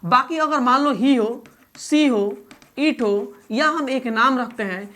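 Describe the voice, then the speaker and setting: High-voiced woman teaching grammar patiently. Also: a bit bright. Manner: repeats each example slowly, prompts with questions; addresses learners fondly as "babu". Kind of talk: Hindi-medium classroom grammar lesson.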